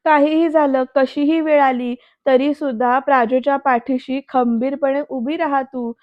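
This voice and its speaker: A woman's voice: high-pitched, fairly even intonation, unhurried, no room sound, lo-fi sound. A woman voicing a firm, caring uncle. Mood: earnest. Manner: firm, earnest advice. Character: stern, caring maternal uncle.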